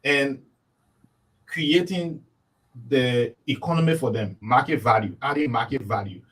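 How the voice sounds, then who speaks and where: Husky man interviewing from a distance. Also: mid-range voice, a little slow, a bit bright. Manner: earnest, repeats himself. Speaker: interview host.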